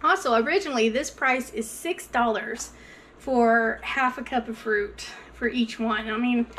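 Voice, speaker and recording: A mother in her thirties, vlogging from her home kitchen, unpacks groceries while chatting casually and enthusiastically straight to her viewers. Her voice is on the high side, a bit bright and a little slow, with a touch of hiss or hum in the recording.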